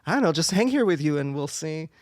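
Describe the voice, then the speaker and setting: A man's voice: on the high side, very animated, fast talker, a little mellow, no room sound. A young man from Israel with an Israeli accent, a native Hebrew speaker, chatting as a podcast guest and stopping often to search for English words. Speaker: guest, singer and performer. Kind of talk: casual interview chat.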